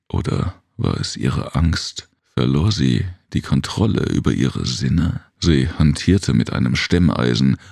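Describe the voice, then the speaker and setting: Male audiobook narrator, extremely deep, dry close sound. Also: creaky, a little mellow, no room sound. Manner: measured storytelling.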